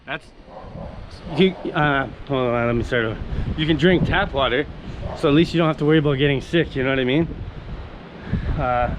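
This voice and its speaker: This is a casual walk-and-talk vlog by a young man from Canada on a coastal town street. His mid-range voice moves briskly as he rambles with enthusiasm, restarting often and using many fillers, captured in dull audio against background noise.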